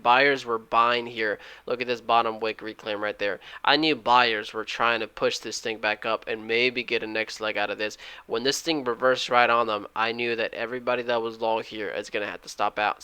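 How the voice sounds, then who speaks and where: A man recapping his day trades at home, talking fast and loud and often correcting himself. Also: mid-range voice, clear, resonant tone, no room sound. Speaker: day trading YouTuber. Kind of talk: screen-share trade recap. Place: at home, alone.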